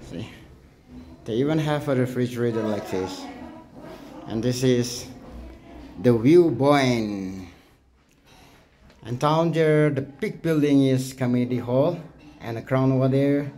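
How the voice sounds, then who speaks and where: A man with a mid-range voice narrates a casual walking tour, chatty and eager to point things out. He speaks into a handheld phone as he moves. Steady background noise sits under his voice. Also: mid-range voice, slow, long pauses, poor audio. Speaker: vlogger giving a walking tour. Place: outdoors on a hillside village and indoors.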